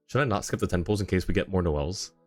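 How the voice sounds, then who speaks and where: A man with a low-pitched voice talks at a quick pace on a game livestream, casually rambling and thinking aloud as he reads chat. Video game music runs in the background.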